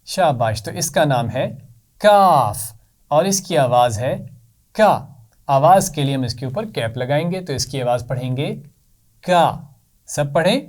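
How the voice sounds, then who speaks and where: A man teaching children to read, speaking slowly and patiently and repeating letter sounds for them to echo. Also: mid-range voice, expressive, a little mellow. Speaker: Quran reading teacher for children. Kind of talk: children's lesson.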